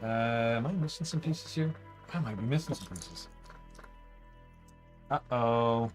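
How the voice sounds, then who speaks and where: Unhurried and relaxed, a livestream host with an ordinary-pitched voice builds a model while rambling and thinking aloud. He reads chat, jokes and wanders between topics as soft music plays quietly underneath.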